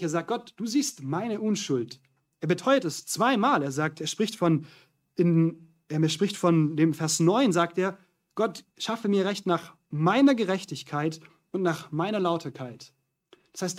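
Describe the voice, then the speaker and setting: Man preaching with slow, earnest quotes. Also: high-pitched. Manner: earnest, slows down for quoted prayers. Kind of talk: sermon.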